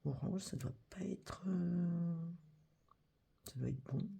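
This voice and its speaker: A woman reading a supermarket catalogue aloud as whispered ASMR, with a breathy whisper and soft, chatty asides. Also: fairly low pitch, takes it slowly. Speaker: catalogue reader.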